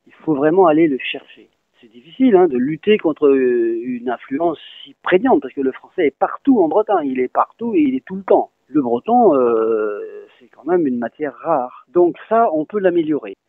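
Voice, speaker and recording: Gravelly man explaining over a thin, phone-like line. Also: on the high side, very animated, moderate pace, dry recording. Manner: patient, spells out words letter by letter. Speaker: Breton language teacher. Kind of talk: explanatory interview answers. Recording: dry, phone-like lo-fi sound.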